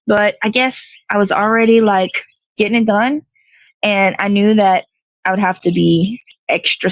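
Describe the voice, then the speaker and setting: Speaking at a medium pitch, this woman hosts an online morning show and drifts through casual livestream talk outdoors in the cold, musing aloud. The recording is dry.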